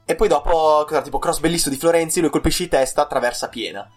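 A man's voice: a little high, quick pace, faint music behind. A young man co-hosting a casual football chat, giving opinions in a slangy way. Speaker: football podcast co-host.

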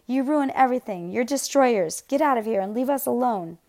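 A woman's voice: fairly high pitch, expressive, fairly quick, voice pushed up. A woman playing a fierce defiant mother. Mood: desperate. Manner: defiant, scornful, shouting back. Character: small fierce defiant mother facing soldiers.

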